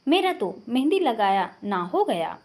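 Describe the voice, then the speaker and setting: A woman's voice: fairly high pitch, very animated, unhurried, darkish tone. A woman voicing a chatty, boastful middle-aged aunt.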